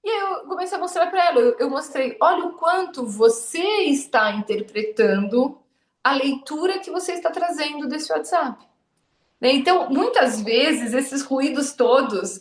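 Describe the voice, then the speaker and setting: A woman's voice: high-pitched, roomy sound. A woman hosting a podcast, telling a story in casual chat and acting out the voices of the people she quotes. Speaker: podcast host.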